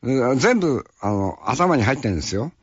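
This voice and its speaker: A man from Fukuoka, an actor, telling stories from a film shoot in a rough, folksy, chatty way. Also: mid-range voice, sing-song, normal speed, dry recording, muffled recording. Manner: rough, folksy, peppers speech with tag questions. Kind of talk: casual storytelling reminiscence.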